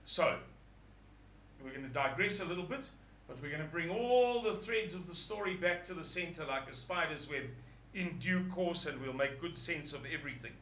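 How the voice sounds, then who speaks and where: A man with a croaky voice, hosting a rambling casual monologue and stopping to search for words. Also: fairly high pitch, normal speed, slight background noise. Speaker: host. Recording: dull lo-fi sound.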